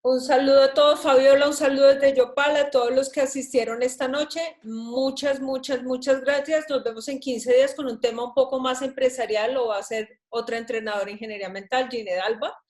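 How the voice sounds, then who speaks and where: A woman hosting an online talk, wrapping up with thanks and announcements in a friendly, halting way. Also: sits high, steady tone. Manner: warm, thankful, restarts often. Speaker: host of an online talk series. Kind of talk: casual live closing remarks.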